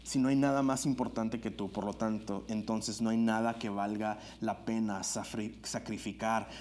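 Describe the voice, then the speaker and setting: A man's voice: fairly low pitch, a little mellow, slight background noise. A man preaching an earnest sermon in a church, climbing to emphatic peaks and stumbling over restarts and filler words.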